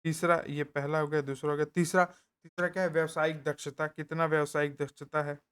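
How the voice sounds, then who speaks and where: Soft-spoken Hindi teacher man, clear voice. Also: a little high, level tone, a little fast. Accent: eastern Uttar Pradesh Hindi. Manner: repetitive, drills points, jokey asides; speaks softly to avoid waking others. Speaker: exam-prep teacher. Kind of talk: casual video lesson.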